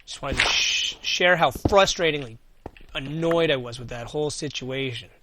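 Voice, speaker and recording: A man's voice: mid-range voice, normal speed, noisy background. A man giving casual gameplay commentary as host, thinking aloud and answering his own questions as he goes. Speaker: gaming video host.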